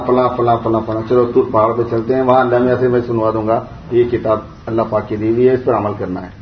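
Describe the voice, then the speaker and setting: A man delivers a storytelling sermon to listeners in a prayer hall. He drops into slow, measured recitation of Arabic verses, explains them in plain talk, and his voice climbs higher when he scolds. The recording is roomy and distant, with a dull, muffled tone. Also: a little hiss or hum. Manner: rises in pitch when scolding. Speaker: preacher.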